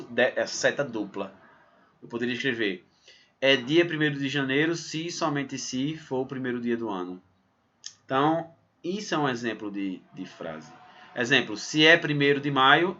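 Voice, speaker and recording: A man from Pernambuco leads a recorded math lesson at a middle pitch, walking through each point step by step. His delivery is lively, and he peppers it with "ó" and "né?" tags. The recording sounds somewhat dull and muffled. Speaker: math teacher. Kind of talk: recorded exam-prep lesson.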